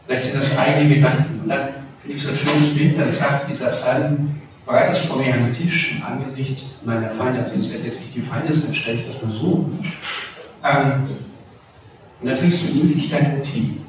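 German pastor preaching in an echoey church. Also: male voice, medium pitch, far from the mic, background noise. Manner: lively preaching with slow, stressed phrases and sudden swells in volume. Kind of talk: sermon. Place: large church hall.

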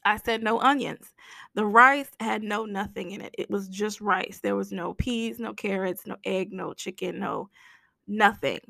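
An American woman hosting a casual solo podcast rant, hoarse with her voice nearly gone, raspy and whispery, speaking bluntly. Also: medium pitch, steady tone, unhurried, bright, forceful tone, no echo. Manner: blunt, complaining, mildly sweary. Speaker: podcast host.

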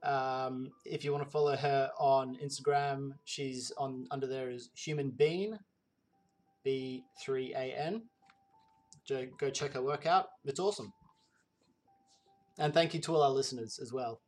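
A man's voice: medium pitch, fairly even intonation, unhurried. Man, podcast player, chatty thanks, um-heavy, faint music behind. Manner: chatty and grateful, with "um" fillers. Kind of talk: casual thank-yous.

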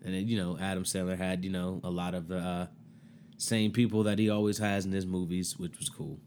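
A man's voice: low-pitched, little pitch movement, a little fast, darkish tone, a little hiss or hum. Loose, profane young man chatting. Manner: loose and profane, often laughing between phrases. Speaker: podcast co-host. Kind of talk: casual chat.

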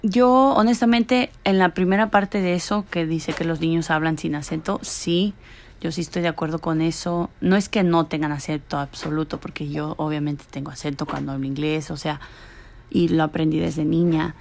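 A woman's voice: low voice, steady tone, moderate pace, creaky, slight background noise. A young woman talking through her views on an article, hesitant, with many fillers and restarts. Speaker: student podcaster. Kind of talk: casual spoken reflection on an article.

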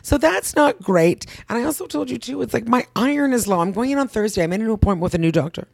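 Casting: middle-aged woman, chatty co-host, animated rambling storyteller, dry close sound. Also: a little high, fast, vocal fry, no room sound. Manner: rambling, animated storytelling, acts out her own thoughts, swears casually. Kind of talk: casual chat.

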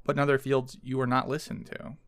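A man's voice: medium pitch, completely flat delivery, a little fast, a bit bright, dry recording. A man in a casual academic discussion, talking thoughtfully and analytically with some hedging.

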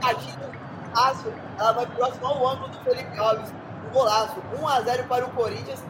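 A man's voice: very high-pitched, steady tone, brisk, noisy background. A Brazilian man working as a football analyst, recapping a goal step by step in unscripted sentences. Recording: echoey, music behind.

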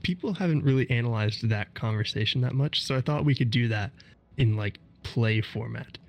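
A man's voice: medium pitch, normal speed. A man hosting a casual gaming podcast, explaining game mechanics methodically. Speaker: podcast host.

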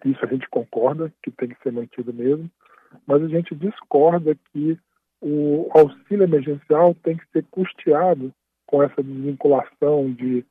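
A man speaking by phone as a radio interview guest, explaining at a steady pace and often tagging his phrases with a questioning "right?". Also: on the high side, breathy edge, no room sound. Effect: heard over a phone line. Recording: tinny dry phone line.

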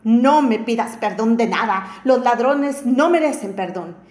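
A proud rich man snaps and sneers, his voice set a little high as a woman reads him out. The sound carries a roomy echo, like a storybook read aloud in an open room. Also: lively intonation, unhurried, a little mellow. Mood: angry. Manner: scolding, mocking. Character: proud rich old man, scornful and harsh.

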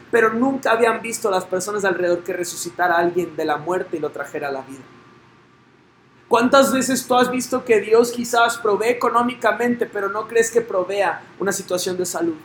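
A man's voice: high-pitched, a bit bright, a little hiss or hum. A man reading scripture and preaching earnestly, asking listeners direct questions. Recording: echoey room with faint ambience.

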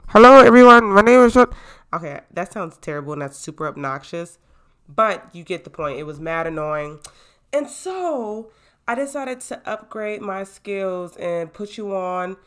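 A young woman hosting her own podcast, talking casually in an animated, hype-building way into a new microphone. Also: fairly low pitch, unhurried. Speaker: podcast host. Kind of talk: casual solo podcast talk.

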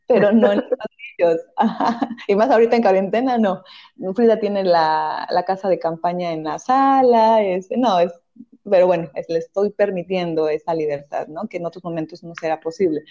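A woman's voice: medium pitch, normal speed, dark tone. A woman, a parenting professional and mother, explaining patiently and often checking in with "¿sí?". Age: adult, parent of a young child. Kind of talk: conversational advice talk. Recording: slightly dull lo-fi audio.

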